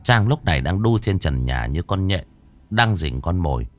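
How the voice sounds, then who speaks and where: Expressive man narrating a horror story. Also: low voice, normal speed.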